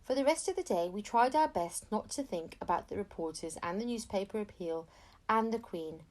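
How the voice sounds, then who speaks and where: Her mid-range voice is animated and at normal speed as she reads a children's story aloud for an audiobook. She narrates expressively and acts out each line of dialogue.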